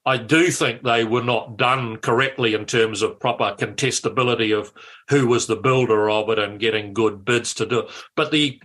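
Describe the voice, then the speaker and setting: An older man tells stories on talk radio. His voice is bright and forceful, and his delivery is animated, with words often repeated. His pitch sits in an average range. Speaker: radio guest, former MP.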